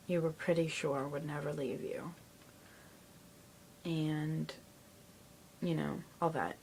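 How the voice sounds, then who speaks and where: Teen girl vlogging to a friend, low-ish gravelly voice, goes all soft and whispery sometimes, faint rumble behind. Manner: chatty, giggly, often drops to a soft near-whisper. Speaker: video blogger. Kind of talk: casual chat to a friend.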